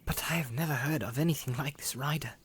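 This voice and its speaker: A man voicing Frodo, a thoughtful young male hobbit, measured and guarded. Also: medium pitch, fairly bright tone, slight background noise, lightly acted. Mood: puzzled.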